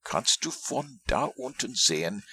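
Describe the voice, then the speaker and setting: A man voicing a simple, earnest, honey-loving toy bear in a storybook read-aloud, in a slow, plaintive, raised voice. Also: lowish voice, sing-song, gravelly, bright, forceful tone, husky, dry recording, pitched above the performer's own voice, heavily acted.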